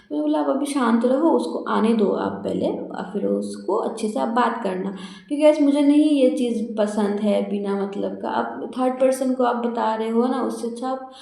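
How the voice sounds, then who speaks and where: A woman's voice: fairly high pitch, gravelly, dark tone. A young woman telling a personal story to her viewers in a chatty, rambling way, full of fillers and tag questions. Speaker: vlogger. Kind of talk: casual storytelling to camera. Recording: very echoey room.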